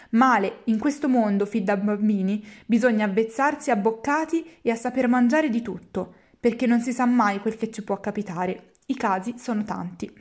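A woman voicing a patient, kindly old man, a poor father, speaking lower and softer. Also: natural voice. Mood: gentle lecturing.

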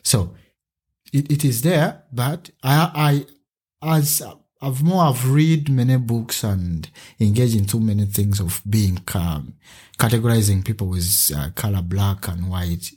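Man from Uganda, husky voice, lively storytelling guest. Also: a little slow. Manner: animated storyteller, acts out a child's voice with a higher pitch. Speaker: teacher and podcast guest. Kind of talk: conversational interview.

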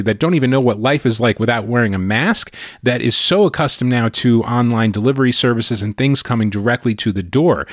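A man's voice: mid-range voice, no room sound, studio quality. A man hosting a podcast, explaining things in a conversational way and often checking in with tag questions. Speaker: podcast host. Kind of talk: solo podcast monologue.

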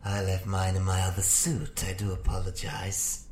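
A man's voice: deep voice, monotone, moderate pace, a crowd in the background, close to an everyday voice. A man playing a sardonic, theatrical psychic magic-user, narrating an audio drama with wry mock politeness. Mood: mock-polite. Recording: roomy echo, faint noise.

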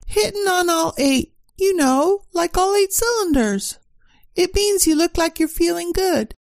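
High, creaky, bossy secretary. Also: female voice, expressive, a little slow, dry recording, clean studio sound, heavily acted. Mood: breezy. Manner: sassy, bossy, slangy. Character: bossy, sassy female secretary steeped in detective slang. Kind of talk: comic radio-play acting.

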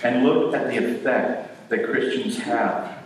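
A man's voice: mid-range voice, takes it slowly. A man preaching a sermon as pastor to his congregation in a large church, talking conversationally and throwing rhetorical questions at the room. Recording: echoey hall from far off.

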